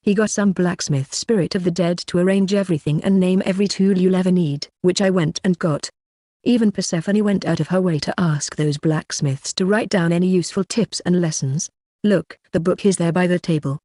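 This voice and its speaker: A storybook reader voicing a composed, authoritative ancient sorceress who is also a mother, speaking calmly and instructively. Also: mid-range voice, fairly quick, dry recording, studio quality, natural voice. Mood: teasing. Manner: calm, instructive.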